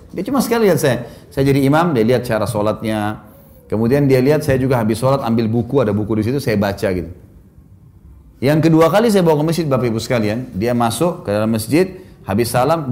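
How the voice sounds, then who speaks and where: Male preacher telling family stories. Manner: warm anecdotal delivery, chuckling at his own stories, rising high when amused. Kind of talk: storytelling sermon to a congregation.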